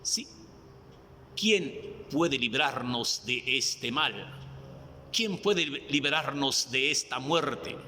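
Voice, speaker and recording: A male preacher giving a devotional reflection on a Bible passage, with slow, emphatic pleading questions. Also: mid-range voice, expressive, bright, forceful tone, in a large hall, a little hiss or hum.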